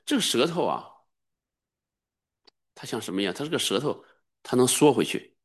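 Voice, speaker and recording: A middle-aged man preaching a sermon as a pastor, emphatic and sometimes bursting into high-pitched exclamations. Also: sing-song, moderate pace, husky.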